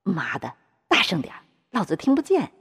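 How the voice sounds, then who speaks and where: A woman's voice: medium pitch, wildly swooping pitch, normal speed, a bit bright, breathy edge, in a large hall, full character voice. A woman voicing a coarse, swaggering middle-aged male bank official in an adult audio story. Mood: mocking. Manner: vulgar, bossy, swaggering.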